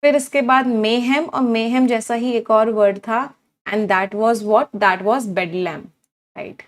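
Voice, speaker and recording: High-voiced woman teaching vocabulary. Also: fairly even intonation, slow. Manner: drills words aloud with repeated cues, asks students questions. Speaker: English teacher. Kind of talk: online vocabulary class.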